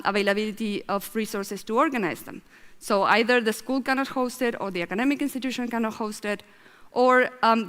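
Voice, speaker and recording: A woman from Argentina who heads a science nonprofit gives an earnest, explanatory conference talk at a measured pace. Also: a little high, a bit bright. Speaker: festival speaker, head of a science nonprofit. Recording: long hall reverb.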